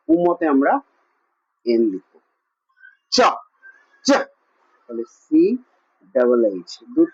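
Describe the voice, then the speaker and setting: A man's voice: fairly high pitch, husky. A man teaching a lesson with a West Bengal Bengali accent, asking questions and answering them himself with lots of repetition. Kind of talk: classroom lesson. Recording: muffled lo-fi recording.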